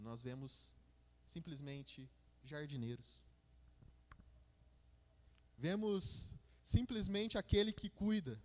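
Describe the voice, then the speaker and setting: A man preaching a sermon as a minister, with a Brazilian Portuguese accent, building to fervent passages and calling listeners "my brother". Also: fairly bright tone. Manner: rising to fervent, high-pitched preaching. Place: church hall. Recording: long church-hall reverb.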